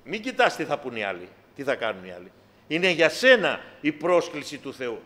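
A middle-aged man preaching a fervent testimony sermon, calling his listeners brothers and sisters and building to loud, passionate preaching. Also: mid-range voice, sing-song. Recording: long hall reverb.

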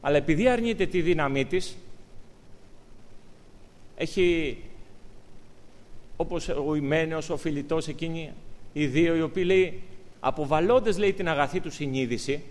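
A man preaching a sermon to his congregation, talking with lively, emphatic rises. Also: fairly high pitch, long pauses. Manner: animated, rising to emphatic peaks. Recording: long hall reverb.

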